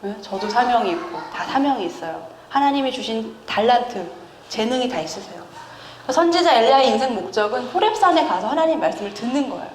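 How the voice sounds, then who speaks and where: A woman in her thirties giving a chatty sermon, lively and often laughing as she teases the congregation. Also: a little high, fairly quick, slight background noise. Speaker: preacher. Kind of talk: conversational sermon. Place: church sanctuary. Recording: echoey church hall with faint ambience.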